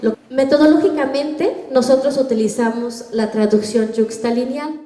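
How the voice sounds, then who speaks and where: A woman's voice: high-pitched, moderate pace, dark tone. Woman explaining translation method, echoey. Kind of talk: explanatory presentation. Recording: roomy recording with long reverb.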